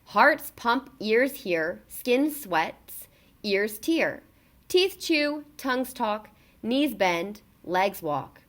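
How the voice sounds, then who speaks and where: She draws out her words while reading a children's book aloud in a fairly high voice. Pitched for young listeners, her narration is expressive and emphatic, with wide-ranging intonation and vivid word stress.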